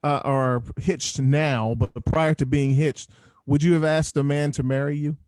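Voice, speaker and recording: A man with a slightly high voice moderates a casual discussion as host. His delivery is conversational and questioning, recorded very dry with no room sound. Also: steady tone, a little slow, darkish tone, no room sound. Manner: conversational, prompting others with questions. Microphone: group call.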